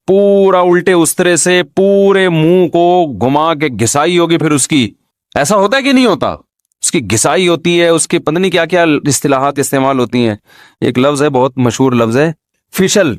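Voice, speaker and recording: A man's voice: on the high side, no room sound, studio quality. A man giving an informal, humorous religious talk, often throwing rhetorical questions at his listeners. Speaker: Islamic scholar giving a talk.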